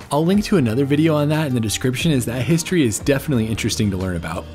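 A man in his thirties narrating a travel vlog, filming himself outdoors in the desert with the camera held at arm's length, upbeat and informative and quick to laugh. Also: medium pitch, darkish tone. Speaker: travel vlogger.

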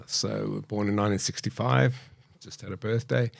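A man's voice: lowish voice, fairly even intonation, creaky, no room sound, clean studio sound. Reflective South African man in his fifties. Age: 50s. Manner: measured, reflective, many hesitations. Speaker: podcast guest. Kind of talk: candid interview storytelling. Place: dark podcast studio. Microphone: studio boom mic.

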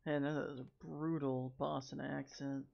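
A man giving relaxed, wry commentary while playing a video game on stream, recorded on a dull lo-fi mic. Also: medium pitch, measured pace, creaky. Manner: relaxed, wry asides while reading menus. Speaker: let's play streamer. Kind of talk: casual gameplay commentary.

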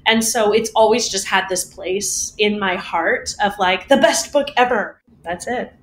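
A woman voice teacher answering interview questions in a casual, animated way, laughing often and poking fun at herself. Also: medium pitch, unhurried. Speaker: voice teacher guest.

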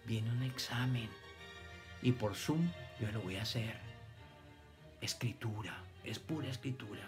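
A man teaching children reading and spelling online. He dictates words slowly, splits them into syllables and praises his pupils. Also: lowish voice, music in the background.

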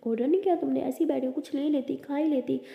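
A woman's voice: high voice, fairly even intonation, fast, gravelly. A woman voicing a spirited, defiant young female college student with a sassy manner. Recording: roomy, reverberant, dull lo-fi.

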